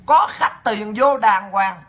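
A woman's voice: mid-range voice, lively intonation, slow, a bit bright. A woman giving fiery, emphatic political commentary as a host. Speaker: online commentator.

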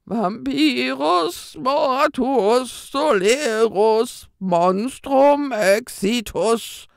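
A woman voicing a pompous old male ghost who hunts vampires, booming out threats and chanting slow incantations. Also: very animated, creaky, a bit bright, dry recording, clean studio sound, heavily acted.

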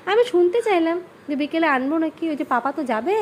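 A mother at home, coaxing and pleading with her sulking child in a gentle, pleading way. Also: expressive, fast, background noise. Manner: pleading, coaxing in a high soft voice. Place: home bedroom.

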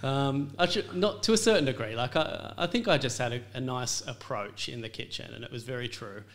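A man in his thirties speaks into a studio mic with a noticeably gravelly texture. His middle-pitched voice carries earnest reflection and the odd filler as he recounts his kitchen years. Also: fairly quick. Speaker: chef and restaurant owner, guest. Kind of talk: casual interview conversation.

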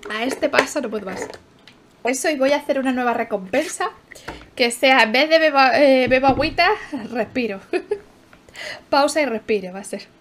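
A woman's voice: high voice, moderate pace, fairly bright tone, a little hiss or hum. A young woman, casually commentating her gameplay, chatty and swearing, often laughing and chanting repeated words. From Spain. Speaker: streamer.

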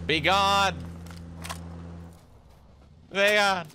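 A man's voice: sits high, steady tone, very slow, slight background noise. A young man from Canada, streaming a shooter game, talking brashly and swearing at strangers. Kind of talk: live gameplay commentary. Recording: loud gunfire behind the voice.

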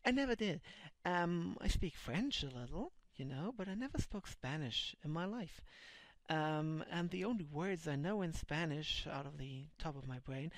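A native German speaker in his thirties, a vlogger and comic translator, chats casually on his video blog with a German accent, rambling through many fillers and restarts. His voice is a little high and animated at normal speed. He records on a headset mic in a small, dim indoor room, with no room sound.

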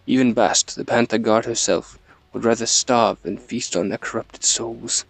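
A man's voice: medium pitch, fairly even intonation, normal speed, creaky, smooth, no room sound, natural voice. A man reading as a regal warrior king. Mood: solemn. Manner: reads plainly, no accent attempted. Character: regal male king leading a ritual.

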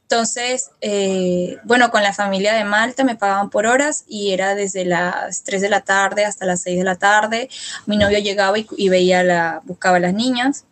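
A woman's voice: mid-range voice, steady tone, normal speed, a bit bright. Latin American woman recounting work struggles. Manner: hesitant, many restarts and fillers, quotes her own past words. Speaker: interview guest. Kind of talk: casual storytelling interview. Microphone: studio microphone.

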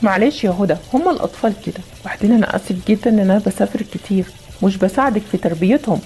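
A woman with an Egyptian accent voicing a gentle, reassuring father in a voiced game story. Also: mid-range voice, very fast, slight background noise, close to an everyday voice. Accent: Egyptian Arabic. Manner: calm, reassuring. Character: gentle father, often away traveling.

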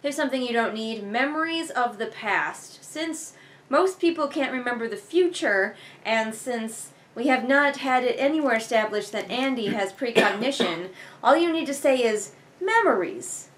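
Here the young woman's voice is fairly high and a bit bright, with lively intonation and a moderate pace. As a book reviewer reading along, she rambles through sarcastic, offhand commentary peppered with swearing. It's noisy living room audio from a camera a few feet from her couch.

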